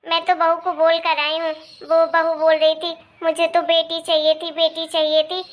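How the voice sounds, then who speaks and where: A woman's voice: extremely high pitch, completely flat delivery, normal speed. A woman voicing a meddling young married neighbor who gossips and gives pushy advice. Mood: boastful.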